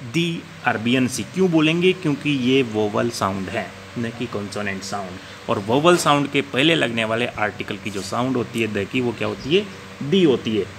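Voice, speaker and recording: Bright-voiced male English grammar teacher. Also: mid-range voice, lively intonation, normal speed, creaky, a little hiss or hum. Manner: asks the class questions and answers them himself, repeating key points. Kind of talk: classroom grammar lesson.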